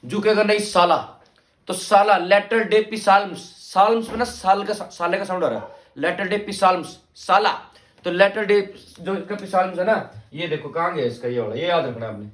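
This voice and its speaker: A man's voice: high-pitched, normal speed, echoey room. A young man teaching an exam lecture, quizzing his students and using playful movie references. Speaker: exam tutor. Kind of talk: mnemonic-driven exam lecture.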